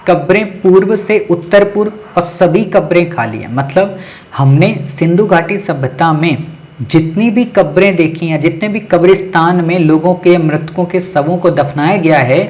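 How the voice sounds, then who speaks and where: A man's voice: a little high, moderate pace, a little mellow. A man teaching an exam-prep lecture, talking straight to his students, repeating key points and checking often that they follow. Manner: addresses students directly, keeps checking with "ठीक है" and "समझ गए".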